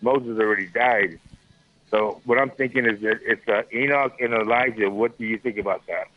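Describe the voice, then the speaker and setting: A man's voice: lowish voice, moderate pace. A man from Las Vegas calling in to a radio show over the phone. He is friendly, muses aloud and sounds unsure of his idea. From Las Vegas, Nevada, USA. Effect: phone-line call-in voice on a radio show. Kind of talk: call-in question. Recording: tinny phone line.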